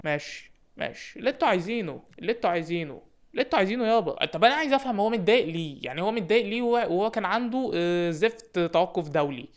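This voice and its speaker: A young man with an Egyptian Arabic accent giving joking, excited commentary on a football game and shouting at his players. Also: sits high, clear, resonant tone. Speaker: gaming YouTuber.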